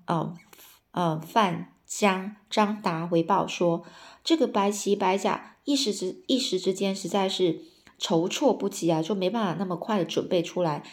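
A woman casually retelling a classic novel, explaining each old line in plain words with many drawn-out particles and restarts. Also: mid-range voice, a little mellow. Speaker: storyteller.

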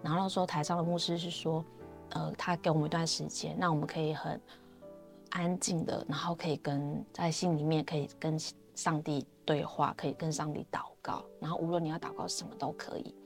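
A woman with a Taiwanese Mandarin accent tells her faith story in a relaxed, chatty way, her sentences trailing off into soft fillers. Her voice sits low with a gravelly rasp. Faint music plays underneath. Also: brisk. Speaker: guest sharing her testimony. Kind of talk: personal faith testimony, storytelling.

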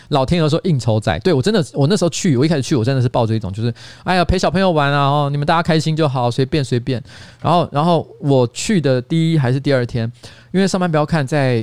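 Fast-talking Taiwanese man, dry close sound. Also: a little mellow, no echo. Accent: Taiwanese Mandarin. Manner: rambling, many restarts and repeats, mimics others in higher voice. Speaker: podcast host. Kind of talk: casual livestream chat. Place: office studio.

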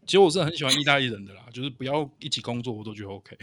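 A man's voice: medium pitch, very fast. A man chatting on a podcast, animatedly telling a story about a coworker. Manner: animated storyteller who swears when angry. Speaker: podcast co-host. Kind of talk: casual chat, storytelling.

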